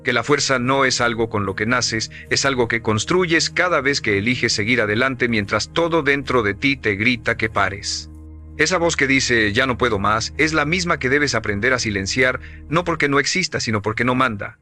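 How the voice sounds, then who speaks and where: A man giving scripted motivational narration in an emphatic, measured, preaching cadence. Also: mid-range voice, bright, forceful tone, soft background music.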